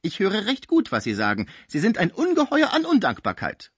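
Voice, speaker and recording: Audiobook: man voicing a pushy, gossipy caretaker woman, high scolding voice, never stops talking, swoops around. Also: huge pitch swings, normal speed, breathy edge, no room sound, clean studio sound, heavily acted. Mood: indignant. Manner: nonstop torrent of chatter, scolding. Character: chattering working-class woman caretaker, shrewd, pushy. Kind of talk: audiobook character voice.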